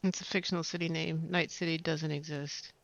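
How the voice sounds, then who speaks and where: A woman's voice: sits low, flat delivery, fairly quick, dry recording, dull audio. A woman giving casual playthrough commentary, reading dialogue choices aloud and reacting in disbelief. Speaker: gaming streamer.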